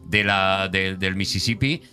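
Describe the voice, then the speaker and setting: Presentador de voz brillante y animada. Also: male voice, low voice, measured pace, bright, forceful tone, faint music behind. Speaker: host. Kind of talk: casual chat.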